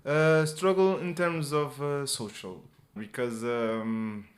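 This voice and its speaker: Man, English speaker, podcast guest, animated storytelling, casual chat, middle pitch. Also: slow. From Portugal. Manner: animated storytelling in non-native English, with frequent fillers. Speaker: podcast guest, personal trainer.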